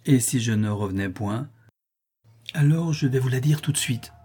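A man's voice: medium pitch, moderate pace, mellow, breathy edge. A man voicing Richard, a lazy, nonchalant young charmer, in a raised, airy voice. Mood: nonchalant gallant.

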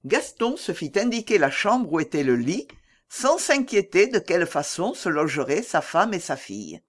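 An audiobook narrator reading a classic novel aloud and voicing the dialogue. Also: mid-range voice. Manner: slow, lively storytelling with voiced dialogue.

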